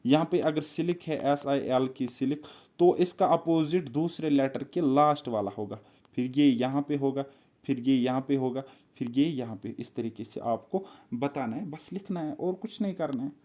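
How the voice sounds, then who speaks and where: Mellow-voiced male exam tutor. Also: mid-range voice, normal speed. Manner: repetitive, step-by-step, quizzes the viewer. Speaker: exam-prep teacher. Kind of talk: explaining reasoning puzzles on a board.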